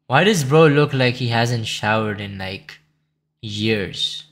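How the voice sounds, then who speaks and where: A man's voice: mid-range voice, lively intonation, takes it slowly, a bit bright. A young man casually reacting to chess videos, blunt and sarcastic, often trailing off into mumbles. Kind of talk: casual mocking reaction commentary.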